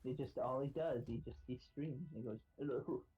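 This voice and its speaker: A man's voice: mid-range voice, fairly quick, slightly rough, muffled recording. A man co-playing on a stream, chatting in a rambling, laid-back way full of fillers. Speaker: guest co-player on a stream. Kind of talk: casual gaming stream chat.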